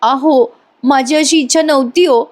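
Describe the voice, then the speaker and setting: A woman's voice: high-pitched, measured pace, darkish tone, pitched above the performer's own voice. A woman reads out a worried middle-aged mother, plaintive and reproachful, her voice raised a touch. The tone is that of a soap-serial recap read in one voice. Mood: hurt.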